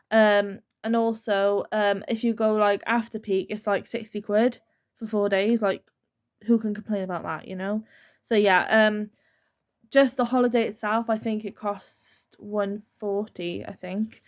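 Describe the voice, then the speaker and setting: A woman's voice: mid-range voice, darkish tone. A young woman chatting casually to camera, telling stories with lots of fillers and quoting people as she goes. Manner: chatty, filler-heavy storytelling. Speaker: YouTuber.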